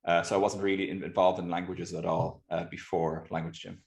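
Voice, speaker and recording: Male, low voice, west of Ireland accent, informal interview guest in a roomy, echoey space. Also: flat delivery, fairly quick, gravelly, a little mellow. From Galway, west of Ireland. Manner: informal, hedging with 'kind of'. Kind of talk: casual interview chat.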